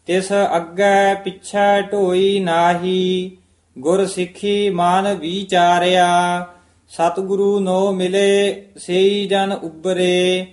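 A man reciting scripture in a slow, even chant as a student. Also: high voice, echoey room.

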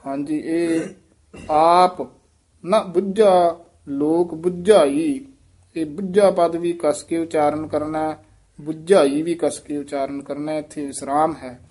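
A man's voice: a little high, level tone, moderate pace, warm tone. A man teaching scripture recitation, patiently repeating words and stressing how each should be pronounced. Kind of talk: correcting pronunciation in a recitation lesson.

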